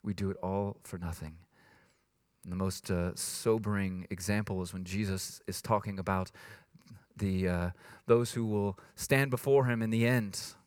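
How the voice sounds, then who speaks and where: A man giving a sermon. He drops low and hushed, then rises to high emphatic lines, and puts on a whiny voice to quote complaints. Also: fairly even intonation, unhurried, dry recording, clean studio sound. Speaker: pastor.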